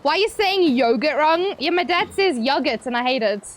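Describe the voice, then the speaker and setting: A woman's voice: high voice, expressive, fairly quick, low-quality recording. A playful young woman teasing her chat. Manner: playful, teasing, laughs often. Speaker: streamer. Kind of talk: casual gaming stream chat with viewers.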